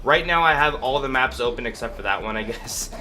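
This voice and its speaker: Hosting a casual gameplay walkthrough video, a man with a cold sounds congested and sniffles as he rambles hesitantly with plenty of fillers. His mid-range voice is animated, brisk and sharp-toned, and background noise is clearly audible.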